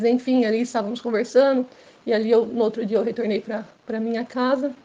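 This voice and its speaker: A woman's voice: darkish tone, dull audio. A woman, giving an earnest, emotional personal testimony at church. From São Paulo state, Brazil. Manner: earnest, emotional, rising in pitch and force as story intensifies.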